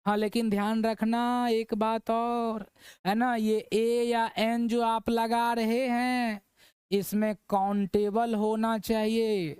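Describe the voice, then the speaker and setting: A man's voice: extremely high pitch, little pitch movement, takes it slowly, darkish tone, clear, resonant tone, dry recording, clean studio sound. A man teaching an English grammar lesson to students. He repeats his points, keeps asking the viewer questions and checks in with "है ना". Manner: repetitive, checking in with "है ना" and quizzing the viewer. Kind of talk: classroom-style lesson.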